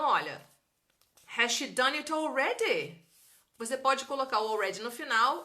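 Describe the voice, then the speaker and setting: A woman who speaks Portuguese as her first language, teaching an English grammar lesson on a live stream in a lively, chatty way and answering viewers' comments. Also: high voice. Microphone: phone or webcam for a live stream.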